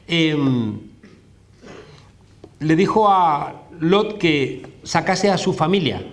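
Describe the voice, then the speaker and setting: A man's voice: sits high, a little hiss or hum. A man from giving a public political talk, digressive and joking, often tagging sentences with a questioning "no?". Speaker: political speaker.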